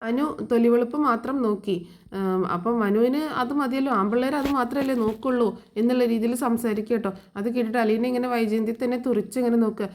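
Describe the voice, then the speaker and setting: A woman's voice: fairly high pitch, fairly even intonation, fast, a little hiss or hum. A woman casually retelling a TV serial episode. She reads each character's lines in her own voice and keeps adding chatty "you know" asides. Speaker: serial recap narrator.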